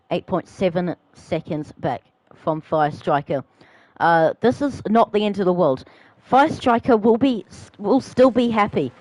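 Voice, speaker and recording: A young man giving live commentary on a sim racing league, rising to excited shouts at close battles and dropping to calmer asides. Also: high-pitched, no room sound, rough recording.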